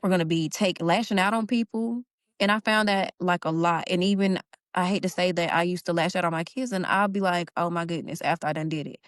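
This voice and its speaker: A young stay-at-home mom, guesting on a podcast, talks earnestly in a casual, heartfelt conversation, her informal speech Southern-tinged with "y'all." Her voice sits on the low side with a steady tone and brisk pace, recorded cleanly in a studio with no room sound.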